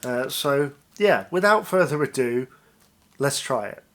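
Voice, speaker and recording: A man's voice: medium pitch, animated, unhurried, fairly bright tone. A man hosting a casual taste-test review to viewers, thinking aloud in a tentative, musing way. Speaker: food review vlog host.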